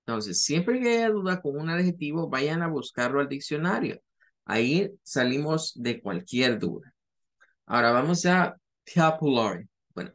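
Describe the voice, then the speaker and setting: A man teaching an English lesson, explaining patiently step by step and repeating words slowly to show their pronunciation. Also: a little high, fairly bright tone. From Latin America. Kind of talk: recorded online lesson.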